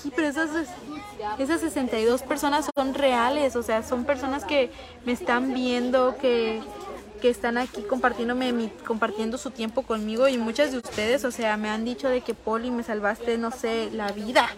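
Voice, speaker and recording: A young Mexican woman with a notably high voice talks in a bubbly, gushing way as she does her makeup live. She chats warmly and quickly with fans, reading their comments and thanking them over and over. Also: fairly even intonation, crowd noise. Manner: bubbly, effusive, chatty with fans. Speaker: makeup streamer. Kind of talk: casual live-stream chat. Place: small table in a corner of a public venue.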